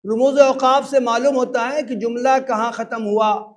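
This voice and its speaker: Older guy, indian urdu accent, really high voice, slow careful lecturer tone. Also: fairly even intonation. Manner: measured, explanatory, reads examples aloud. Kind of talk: formal lecture.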